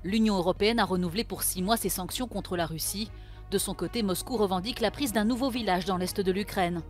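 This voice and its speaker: A woman presenting news headlines in a clear, steady, scripted delivery. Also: medium pitch, brisk, over music.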